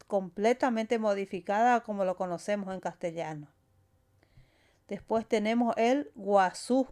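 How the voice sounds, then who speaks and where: A woman's voice: medium pitch, measured pace, a little mellow. A woman teaching a language lesson, saying sounds and words one at a time and stressing the final syllables. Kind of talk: slow explanatory lesson.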